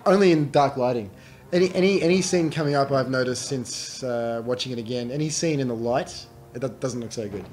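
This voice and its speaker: A man's voice: medium pitch, brisk, darkish tone, a little hiss or hum. Chatty man giving commentary. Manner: chatty, laughs often. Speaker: commentary host. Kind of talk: casual audio commentary.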